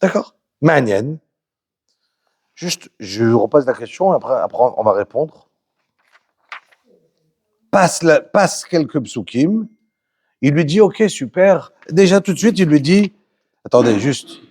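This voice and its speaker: A man teaching a Torah lesson to a small group, animated and putting questions to his listeners. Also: a little high, slow, long pauses, slightly rough.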